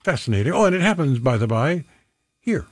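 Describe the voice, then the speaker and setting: A man's voice: on the high side, big pitch swings, a little fast. A man hosting a classical music radio show from a studio, talking casually and adding wry asides between pieces. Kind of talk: casual on-air presentation. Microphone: studio microphone.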